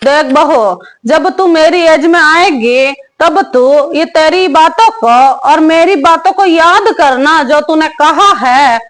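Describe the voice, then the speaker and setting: A woman voicing a bossy, aging mother-in-law who nags slowly and scolds in a comic family sketch. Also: high-pitched, a bit bright. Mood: scolding. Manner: slow, scolding, drawn-out nagging.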